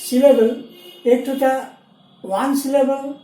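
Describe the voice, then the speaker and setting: A woman teaching a shorthand class, explaining slowly and checking that students follow. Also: high voice, fairly even intonation, dark tone, roomy sound, faint music behind, low-quality recording. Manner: explains slowly, mixing Hindi with Bengali and English terms. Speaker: stenography teacher. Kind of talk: classroom lesson.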